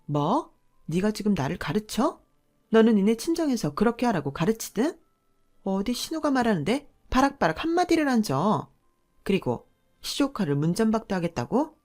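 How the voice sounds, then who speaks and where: A woman's voice: mid-range voice, sing-song, moderate pace, soft background music. A woman voicing a bossy, greedy middle-aged sister-in-law who talks rudely and demands money, in a radio drama. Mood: angry. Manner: shouting, rude, demanding.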